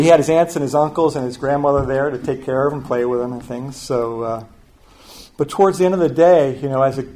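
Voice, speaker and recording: An older man preaching a sermon as pastor, telling a family story in a conversational way and often dropping to a soft, quiet voice. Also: mid-range voice.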